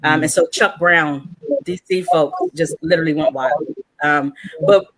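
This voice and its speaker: The host, a woman from Washington, D.C., has a low-pitched voice and speaks a little slowly. During a casual panel chat she spins lively stories and acts out each quote in them.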